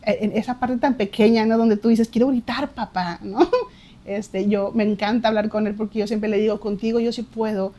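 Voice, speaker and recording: A woman's voice: fairly high pitch, steady tone, moderate pace, warm tone. A woman, a podcast guest, reflecting on her faith testimony and often repeating words as she searches for them.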